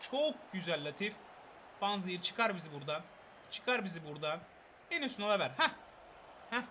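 A young man giving excitable live gameplay commentary, urging on and scolding his players. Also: high voice, normal speed, noisy background. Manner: excitable, shouts at players, bursts of laughter. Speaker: gaming channel host.

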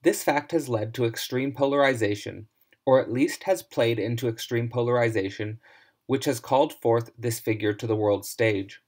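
A man's voice: mid-range voice, moderate pace, darkish tone. Man reading a formal lecture. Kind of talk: scripted lecture narration.

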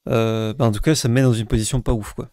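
A man co-hosting a card-game stream in casual chat, animated and self-mocking as he plays. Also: medium pitch, quick pace, dry recording, clean studio sound. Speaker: co-host, player.

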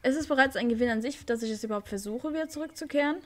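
A woman's voice: high voice, rapid-fire, pitched above the performer's own voice, natural voice. A woman voicing Ricky, a nervous young male rider in a horse game, reading his lines aloud with small slips.

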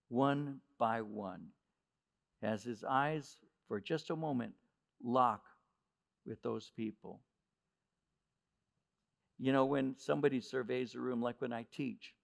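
A male pastor preaching a sermon in a conversational way, with restarts and slow stress on key words. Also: medium pitch, creaky.

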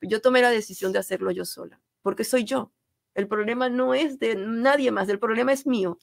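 A middle-aged Panamanian woman speaks as a guest in a studio interview, earnest and emphatic, often repeating a phrase to drive it home. Her voice has a gravelly, fry-touched edge. The sound is close and dry, with no room around it. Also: fairly high pitch, fairly quick, no echo. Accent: Panamanian Spanish. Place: radio studio.

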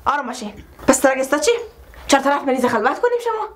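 A woman's voice: high-pitched, very animated. An actress playing a nervous young woman who is a half-trained nurse and answers back defensively in a sitcom. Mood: pleading. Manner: defensive, flustered, quick comebacks. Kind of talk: sitcom acting. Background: music.

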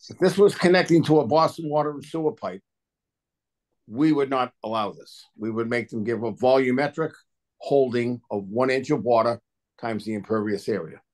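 A medium-pitched man talking at normal speed represents a water and sewer agency at a public hearing held over video call. His account of technical review work is informal and colloquial, in the plain manner of an official.

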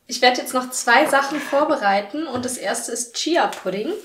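A woman's voice: high-pitched, moderate pace, a bit bright. A young woman talking casually through a cooking vlog in her home kitchen, thinking aloud as she works. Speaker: cooking vlogger. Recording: echoey kitchen with faint noise.

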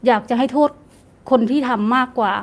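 A woman's voice: a little high, steady tone, brisk. A woman, a grieving mother, gives an earnest interview and repeats words when she is upset. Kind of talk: emotional interview testimony.

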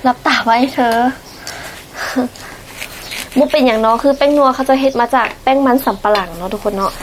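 A woman with a Lao accent and a notably high voice hosts a casual cooking vlog. She chats to her viewers as she works, often teasing her guest. There is a faint hiss under her voice. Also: brisk. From southern Laos. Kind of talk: casual chat while cooking.

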